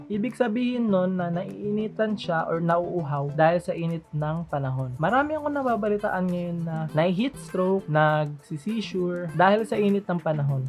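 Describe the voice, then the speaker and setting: A vlogger talking casually to viewers, explaining things in a chatty, rambling way with side stories. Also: medium pitch. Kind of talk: casual vlog talk to viewers. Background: faint background music.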